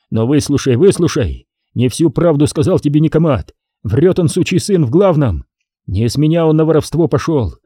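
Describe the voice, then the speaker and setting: A man's voice: a little high, dark tone, husky, dry recording, clean studio sound. A man voicing a young male noble who is a desperate prisoner in chains, talking urgently and accusingly.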